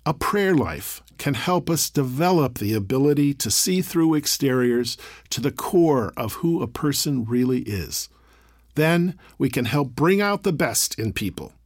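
Priest presenting over music, very dry sound. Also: male voice, mid-range voice, animated, measured pace, no room sound. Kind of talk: scripted radio narration.

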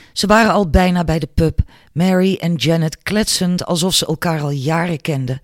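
A man reads a novel aloud in a calm, measured way. His voice sits fairly high. The close studio recording is dry, with no room sound. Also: no echo. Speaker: audiobook narrator. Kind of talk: scripted narration.

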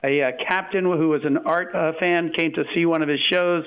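A man speaking as a radio guest, explaining conversationally and a little haltingly, repeating words as he goes, through dull lo-fi radio sound. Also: fairly high pitch, fairly even intonation, clean tone. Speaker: radio guest, museum director.

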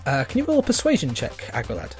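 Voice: medium pitch, huge pitch swings, quick pace, faint music behind. A game master narrating a tabletop role-play game, improvising in an amused, hesitant way.

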